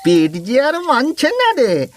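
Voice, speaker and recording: A woman voicing a hungry, teasing old grandfather in a village cartoon, calling out in long drawn-out words. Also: sits high, huge pitch swings, a little hiss or hum, full character voice.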